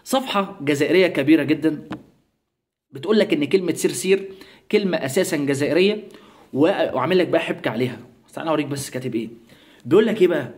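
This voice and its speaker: A man's voice: a little high, fast. A man from Egypt with an Egyptian Arabic accent, giving sarcastic, mocking commentary in a comedic vlog. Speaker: YouTuber.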